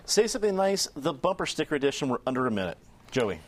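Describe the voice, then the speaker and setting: Brisk, high-voiced man hosting a panel. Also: big pitch swings. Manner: brisk, keeps panel moving. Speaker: show host. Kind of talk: public TV political roundtable.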